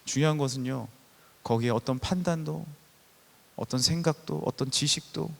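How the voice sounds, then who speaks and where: A man in his thirties preaching a sermon, telling stories and swinging from soft passages to loud, emphatic ones. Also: on the high side, normal speed, creaky. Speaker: pastor. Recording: long church hall reverb.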